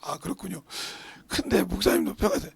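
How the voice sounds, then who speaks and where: A middle-aged Korean pastor with a Jeolla accent, preaching a sermon and breaking into loud acted-out lines. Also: male voice, sits high, sing-song, fairly quick, dry recording. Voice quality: gravelly. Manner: preaching with sudden shouts and acted-out dialogue.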